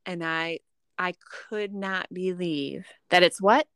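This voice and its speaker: A woman co-hosting a podcast in casual chat, playful and quick to laugh. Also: lowish voice, fairly bright tone, clean tone, no echo. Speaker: podcast co-host.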